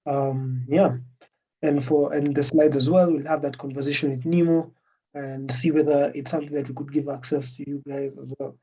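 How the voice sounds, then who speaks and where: A man's voice: on the high side, fairly even intonation, moderate pace, warm tone, a little hiss or hum. A man with an East African accent gives hesitant closing remarks as a workshop organizer on a video call. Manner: hesitant, many fillers. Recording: muffled distant online call audio.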